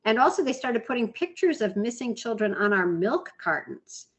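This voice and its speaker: A woman's voice: on the high side, moderate pace. A woman in her sixties with an American accent, an author speaking animatedly in an interview. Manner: expressive, laughs readily. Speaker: author guest. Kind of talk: conversational interview.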